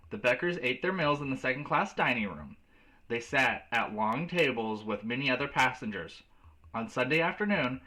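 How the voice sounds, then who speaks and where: A man reading a children's storybook aloud as a teacher, in a clear storytelling delivery. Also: mid-range voice, bright, forceful tone, low-quality recording.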